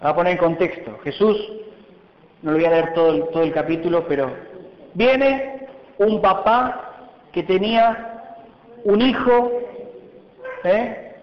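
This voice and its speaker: High-voiced rioplatense preacher, animated and chatty, dull muffled sound. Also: male voice, unhurried, long pauses. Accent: Rioplatense Spanish. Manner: animated, conversational, acts out quotes. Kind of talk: sermon at a retreat. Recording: echoey hall, dull sound.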